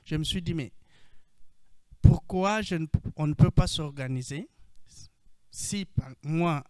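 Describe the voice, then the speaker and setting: A man with a Congolese French accent speaks slowly and deliberately on a video call, pausing often with hesitations as he introduces himself to a panel. His voice sits a little high and sounds clear and smooth, and the recording is dry with no room sound. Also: darkish tone, no room sound. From Democratic Republic of the Congo. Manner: measured, with frequent hesitations. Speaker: panelist, co-op founder.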